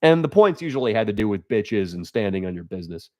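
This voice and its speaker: A young man hosting a livestream, chatting casually to viewers and reading their comments, with crude deadpan jokes and rambling asides. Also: fairly low pitch, quick pace. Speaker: livestream host.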